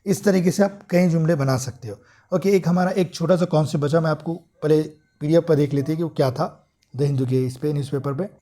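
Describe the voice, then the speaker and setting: A man from India giving an online English grammar lesson, with a mellow, relaxed tone pitched a little high. He explains patiently and stretches each example sentence out word by word. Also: fast. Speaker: English teacher.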